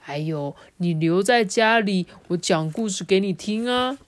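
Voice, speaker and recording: A woman voicing a kind, patient father dinosaur who speaks calmly and soothingly. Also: medium pitch, unhurried, dry recording, close to an everyday voice. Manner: calm soothing.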